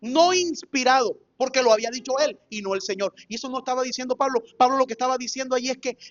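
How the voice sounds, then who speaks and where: A man's voice: very high-pitched, level tone, very fast, fairly bright tone. A man, a pastor preaching an expository sermon, emphatic and full of rhetorical questions to his congregation. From Colombia. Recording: dull lo-fi recording with faint music.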